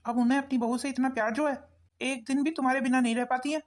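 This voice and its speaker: A woman's voice: high-pitched, steady tone, fast talker, close to an everyday voice. Woman voicing a teasing young cartoon husband. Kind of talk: cartoon voice acting.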